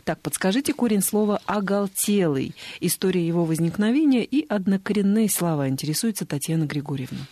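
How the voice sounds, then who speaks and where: A radio host briskly reading out listener questions and taking calls in a studio. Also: medium pitch, lively intonation, warm tone, no room sound. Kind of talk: hosting a call-in show.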